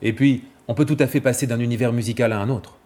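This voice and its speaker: A male vocal coach giving a clear, didactic scripted explanation and demonstrating examples. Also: medium pitch, fairly even intonation, fast, darkish tone.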